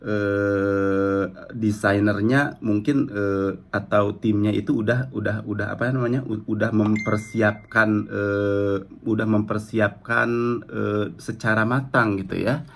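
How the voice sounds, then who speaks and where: A man's voice: on the low side, steady tone, slow, creaky. A young man giving casual reaction commentary on a cover song, rambling and full of fillers as he praises the singer. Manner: rambling, frequent "eh" fillers and "gitu" tags, enthusiastic praise. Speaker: music reaction vlogger.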